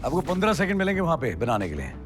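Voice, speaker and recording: An actor playing a strict army coaching colonel who barks orders in mixed Hindi and English. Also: male voice, fairly high pitch, wildly swooping pitch, rapid-fire, over loud music. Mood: stern. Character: stern older male army colonel instructor. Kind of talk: web series drama.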